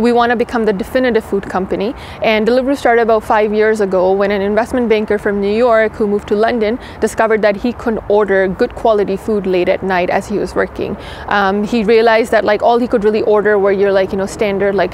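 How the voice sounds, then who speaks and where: A young woman talking fast and casually in an interview, filling her answers with "like" and "you know." She sits in a leafy city courtyard with a lapel mic. Faint traffic hums behind her. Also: medium pitch. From Pakistan, raised in Toronto. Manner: quick, chatty, many "like" fillers. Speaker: engineering director, interview guest. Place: outdoor garden courtyard in a city.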